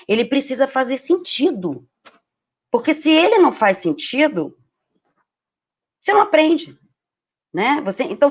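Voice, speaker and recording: A woman with a Brazilian Portuguese accent giving a live-stream lecture, lively and explanatory, often checking in with tag questions. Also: a little high. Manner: animated, frequent tag questions, acts out quoted voices. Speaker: host giving a lecture on learning. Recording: dull lo-fi live-stream audio.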